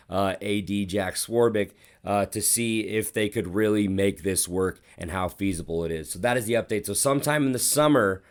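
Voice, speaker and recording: A man's voice: fairly low pitch, smooth. A man hosting a sports podcast, telling stories in a casual, rambling way with plenty of swearing. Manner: profane, rambling, animated storytelling. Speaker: podcast host.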